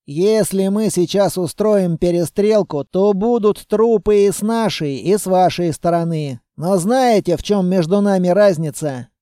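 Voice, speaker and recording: A man reads a gruff, commanding squad leader who barks his orders loud and slow, in a dark voice with no room around it. The voice sits high but stays heavy. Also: dry recording, clean studio sound. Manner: barking orders loudly.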